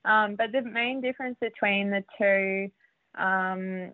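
A young Australian woman talks about riding in a chatty, easygoing way, her words full of fillers and quick laughs. Her voice comes through a dry, tinny, phone-like line. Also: medium pitch, steady tone, dry recording. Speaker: guest, motocross rider. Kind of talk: casual interview.

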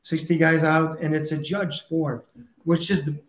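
Canadian guy in his 50s chatting loose and rambly, kinda high voice, roomy muffled sound. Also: flat delivery, a little slow. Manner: easygoing, rambling with fillers. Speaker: guest, former motocross champion. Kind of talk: casual interview chat. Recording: roomy, muffled remote audio.

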